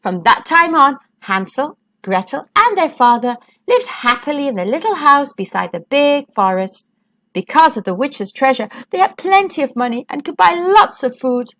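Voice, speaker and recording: Woman storyteller reading a kids' picture book, bright pitch, very animated. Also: moderate pace. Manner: expressive, sing-song storytelling. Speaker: children's storyteller.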